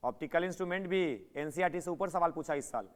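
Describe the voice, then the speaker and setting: Male physics teacher, high pitch, classroom lecture, keeps pushing students to answer. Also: quick pace. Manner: prodding students to answer, repeating points.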